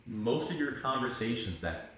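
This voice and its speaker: A man co-hosting a podcast, chatting casually and animatedly, often laughing and jumping up in pitch when excited. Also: moderate pace. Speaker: podcast co-host. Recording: echoey room with faint noise.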